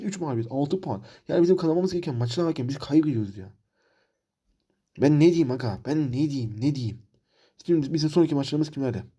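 Husky, frustrated gamer man ranting. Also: fairly high pitch, dark tone. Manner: frustrated, ranting, repeats himself. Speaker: gamer playing a football manager career. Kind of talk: let's-play commentary.

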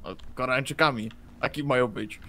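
A man's voice: mid-range voice, moderate pace, bright, forceful tone. A man in a game roleplay, talking in a cocky, dismissive way. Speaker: roleplay player. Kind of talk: in-character game roleplay banter.

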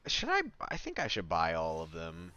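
A young man chatting excitedly with a friend while gaming, swearing often and laughing. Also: sits low, moderate pace. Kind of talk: casual gaming chat. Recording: muffled lo-fi voice chat with faint music.

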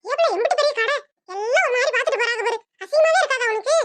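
A woman's voice: very high voice, racing, no room sound. A woman voicing a bossy, scolding middle-aged mother-in-law with a Tirunelveli Tamil accent. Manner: scolding, sharp-tongued.

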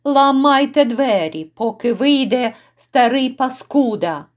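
A woman's voice: high-pitched, animated, slow. A woman voicing rowdy, brutal drunken noblemen who jeer and bark orders. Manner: gruff, jeering shouts.

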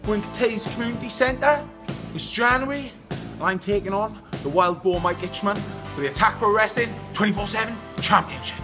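Boastful Welsh man over clear music. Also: sits high, normal speed. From Wales. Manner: showman-like, boastful. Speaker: professional wrestler. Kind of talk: wrestling promo to camera. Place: indoor community centre room. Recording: loud music bed under speech.

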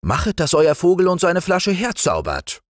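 A man voicing a blustering, hungry farmer husband with loud, eager exclamations. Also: high voice, huge pitch swings, normal speed, no echo, clean studio sound, voice pushed up.

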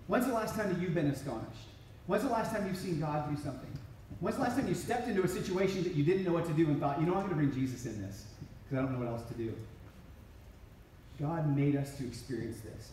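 A man's voice: a little high, darkish tone, far from the mic, a little hiss or hum. A middle-aged man giving an inspirational talk to a conference crowd, storytelling and acting out quoted lines with energy. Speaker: regional ministry director. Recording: echoey hall from off-mic.

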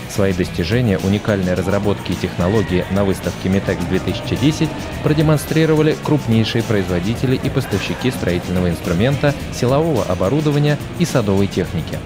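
A man narrating a scripted event report in a formal, even announcer manner. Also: lowish voice. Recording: voice-over under loud music.

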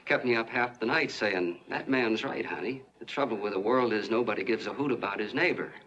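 An actor playing a folksy small-town soda jerk who tells a long, earnest, rambling story in 1940s film style. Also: male voice, lowish voice, brisk, crowd noise, natural voice. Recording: muffled, hissy 1940s film soundtrack.

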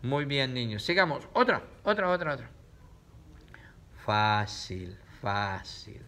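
Slow, animated teacher sounding words out. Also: male voice, mid-range voice. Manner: sounds out words slowly and repeats them, addressing the children warmly. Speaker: reading teacher for children. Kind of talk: slow, syllable-by-syllable reading lesson. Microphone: camera set up in front of him.

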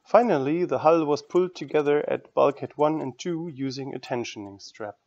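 A man's voice: fairly high pitch, moderate pace, darkish tone. Man with dull lo-fi voice-over. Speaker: woodworking channel host. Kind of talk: scripted voice-over tutorial.

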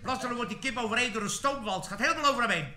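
A man with an Amsterdam accent telling jokes on a live stage, animated and laughing often as he slips into character voices. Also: extremely high pitch, racing. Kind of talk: stand-up joke telling on a live record. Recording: echoey 1950s vinyl recording.

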